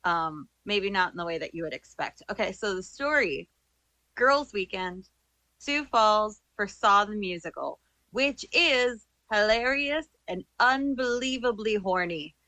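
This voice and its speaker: A woman co-hosting a podcast, telling casual stories with profane, bawdy, deadpan jokes. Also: medium pitch, unhurried, dry recording, rough recording. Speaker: podcast co-host. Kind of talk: casual storytelling banter.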